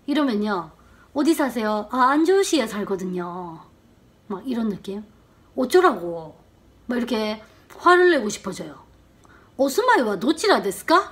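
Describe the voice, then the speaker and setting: A middle-aged woman teaching a casual language lesson, acting out short sample dialogues with slow, exaggerated intonation. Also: on the high side.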